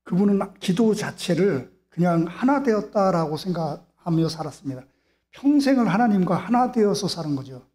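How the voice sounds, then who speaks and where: A man's voice: sits high, expressive, moderate pace, mellow. A man preaching a sermon as pastor in a church, pressing his point with repetition and rhetorical questions. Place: church sanctuary.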